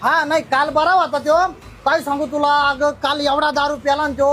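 Brief: woman as rustic drunk husband, high voice, comic skit, music bed. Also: flat delivery, fairly quick, natural voice. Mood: evasive. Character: drunken husband, boastful then remorseful. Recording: loud background music.

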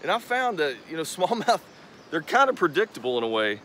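His voice sits on the high side, bright, with big swings in pitch, and there's a little hiss or hum. The young fishing channel host talks casually about his casting technique on a riverbank, filmed by a distant tripod camera over the sound of the rushing current.

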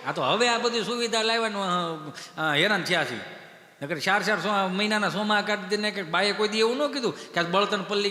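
A high, bright male voice spins comic stories from a stage and slips into the voices of his characters. His delivery is lively and animated. The sound rings through a large hall with a long echo. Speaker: comedian. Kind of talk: stand-up storytelling. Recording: echoey hall with long reverb.

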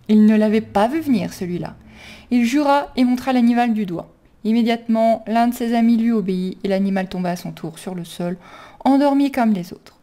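A woman narrating her own fan fiction, reading at a steady, measured pace. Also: on the high side. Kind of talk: storybook narration.

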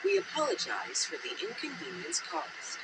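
A formal, measured automated announcer giving public train announcements in the manner of an airport announcement. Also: high-pitched, huge pitch swings. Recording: noisy game audio capture, train noise.

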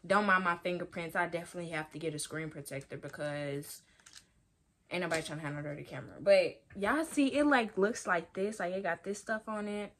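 A woman vlogger talking to her viewers in a casual unboxing video, chatty and excitable. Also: fairly low pitch, brisk.

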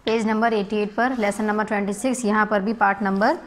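A woman schoolteacher giving a grammar lesson, slowly dictating Hindi sentences and their translations. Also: medium pitch, fairly even intonation, a little hiss or hum. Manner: slow, dictating word by word; mixes Hindi and English, repeats "ठीक है". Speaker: school English teacher. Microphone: recorded lesson video.

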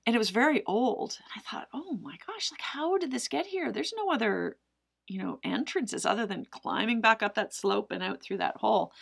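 A middle-aged woman tells a diving story straight to the camera, animated and chatty, with plenty of fillers. Her voice carries heavy fry and a gravelly edge. She sits close to the mic in an indoor room. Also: medium pitch. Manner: animated, gestures with both hands, frequent fillers. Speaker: cave diver answering viewer questions. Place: indoors in front of a brick wall.

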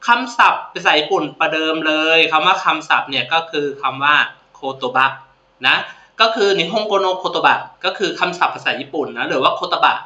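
A man with a Thai accent teaching a Japanese lesson to students, friendly and repeating each word slowly for them to copy. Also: a little high, sharp tone. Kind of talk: casual classroom-style video lesson. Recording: echoey room, dull lo-fi sound.

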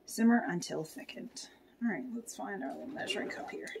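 A woman's voice: medium pitch, lively intonation, brisk, creaky, very noisy. A woman chatting casually to viewers and to herself as she cooks at home, reading the recipe steps aloud. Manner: chatty, talks to herself and viewers while cooking. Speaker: home cook reviewing a meal kit. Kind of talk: casual cooking vlog chat. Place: home kitchen.

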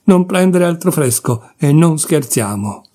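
A man reading aloud voices a proud, quick-tempered young woman who snaps in exasperation. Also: fairly high pitch, animated. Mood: curt. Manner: sharp, exasperated.

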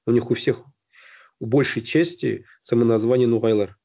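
On a video-call round table, a middle-aged male guest explains things at length in a casual discussion, halting often with fillers and restarts. His medium-pitched voice is steady and warm. He's in a room at home, with a phone or webcam close to his face, and the call audio sounds dull and lo-fi.

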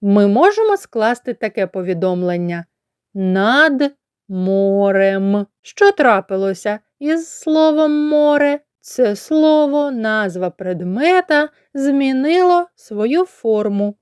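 A woman kindergarten teacher from Ukraine giving a slow lesson to children, spelling out sounds and syllables with careful, deliberate articulation. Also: high-pitched, big pitch swings, a little mellow, clear, resonant tone, no room sound, clean studio sound.

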